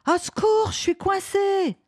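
A woman's voice: very high voice, animated, moderate pace, no room sound, studio quality, pitched above the performer's own voice. A woman voicing an eager young boy who pleads and whines in a children's story reading. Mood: panicked. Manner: pleading, whiny.

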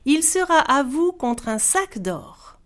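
A woman's voice: high voice, big pitch swings, slow pace, fairly bright tone, pitched above the performer's own voice, full character voice. A woman reading as an earnest eldest brother. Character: eldest of seven brothers, young man, thoughtful leader.

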